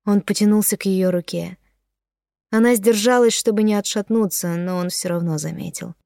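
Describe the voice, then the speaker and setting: Woman, audiobook narrator, measured storytelling, dry studio sound. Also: medium pitch, vocal fry, dark tone, no room sound. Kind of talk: scripted narration.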